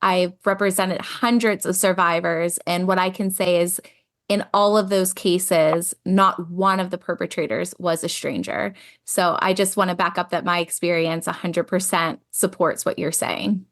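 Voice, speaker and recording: A woman hosting a podcast, opening with a scripted intro and then talking in an articulate, measured way. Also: lowish voice, fairly even intonation. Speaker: podcast host.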